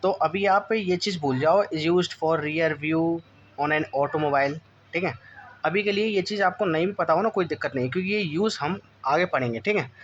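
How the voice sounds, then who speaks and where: Male physics tutor, Indian English accent, fairly high voice, muffled sound, faint hum, coaching lesson. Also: a bit bright. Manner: addresses students as beta, repeats "theek hai" often; reads English textbook lines slowly and deliberately. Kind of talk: board-exam coaching lesson.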